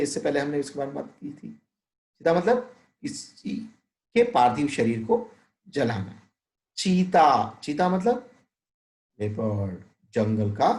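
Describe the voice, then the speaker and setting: A man teaching a recorded Hindi lesson to young children, drawing out each word slowly, glossing meanings in English and calling his pupils "beta". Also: fairly high pitch, darkish tone. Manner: slow, drawn-out word-by-word pronunciation, explaining meanings with English glosses; addresses pupils as "beta", asks frequent checking questions. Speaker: primary school teacher. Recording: echoey room.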